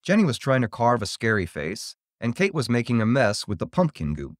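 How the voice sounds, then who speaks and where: Expressive man reading a spooky story. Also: medium pitch, brisk, no room sound, studio quality. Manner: expressive, theatrical.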